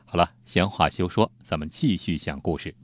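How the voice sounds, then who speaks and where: A man's voice: sits low, moderate pace. A man telling historical true crime cases as a storytelling host, in a folksy, emphatic oral style.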